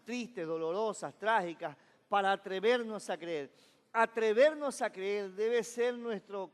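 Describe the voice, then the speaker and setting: A pastor with a voice that sits high preaches a Sunday sermon in a church sanctuary, leading the congregation in repeating phrases call-and-response style. He calls his listeners "brother" and slips in jokes that draw laughter, all in an echoey church hall.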